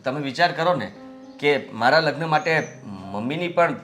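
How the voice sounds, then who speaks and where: A man's voice: fairly high pitch, lively intonation, normal speed, a bit bright, soft background music. An actor playing an obedient young son who pleads earnestly and respectfully with his father. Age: young adult. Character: obedient young son working in family office.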